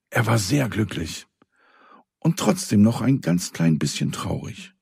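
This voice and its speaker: Deep, husky male storyteller. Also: dry recording, studio quality. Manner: calm, addresses the listener. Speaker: narrator. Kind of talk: children's story reading.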